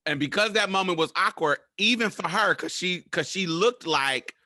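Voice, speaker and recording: A man's voice: sits high, expressive, moderate pace, pushed and bright, no room sound, studio quality. A man, co-hosting and telling stories casually in a sassy, emphatic, profanity-laced way. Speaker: podcast host. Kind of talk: animated casual storytelling.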